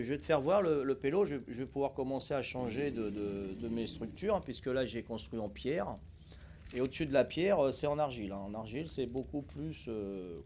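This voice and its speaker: Older man, gaming streamer, folksy rambling commentary, mid-pitched voice, faint background noise. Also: a little mellow. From Corsica. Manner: chatty, folksy, full of hesitations and tag words. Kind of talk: casual live gameplay commentary.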